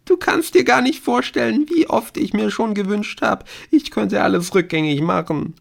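A man reading an audiobook, voicing a frightened teenage girl who pleads in a high, shaky voice. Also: takes it slowly, creaky, fairly bright tone, full character voice. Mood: panicked.

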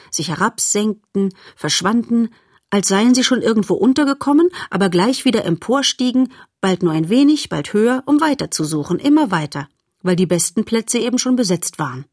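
A woman narrating a children's novel in a lively, expressive storytelling manner. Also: medium pitch, breathy edge, no room sound, studio quality. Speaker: audiobook narrator.

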